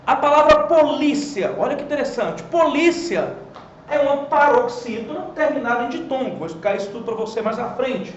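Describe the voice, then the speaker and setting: A man with a Brazilian accent teaching a lively grammar lesson at a whiteboard. He asks questions and answers them himself, and stresses key words. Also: extremely high pitch, quick pace, few pauses, roomy sound, lo-fi sound, slight background noise. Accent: Brazilian Portuguese. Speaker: Portuguese teacher.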